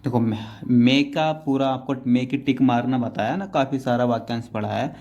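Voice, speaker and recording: A man teaching shorthand in a class, explaining each outline step by step and often checking in with quick tag questions. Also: medium pitch, steady tone, dark tone, dull audio. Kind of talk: classroom explanation while writing.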